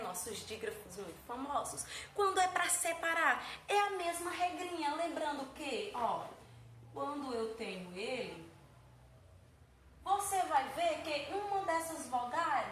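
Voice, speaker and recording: High-voiced woman teaching in an echoey room. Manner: animated, checks in often with "tá?", voices student questions. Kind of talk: explaining grammar to students. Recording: echoey room with faint ambient noise.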